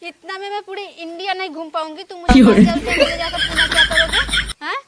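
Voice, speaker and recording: A greedy, scolding young girlfriend with an Awadhi accent, as a woman acts her out, her voice very high and bright. She snaps out demands and rebukes. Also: sing-song, fairly quick, exaggerated voice. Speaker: comic actress. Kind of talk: rustic comedy sketch.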